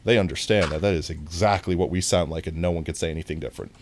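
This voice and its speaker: A New York-based American game streamer chats casually during a gaming stream, playful, jokey and giggly. He has a deep, darkish voice and talks fast, with a little hiss or hum in the audio.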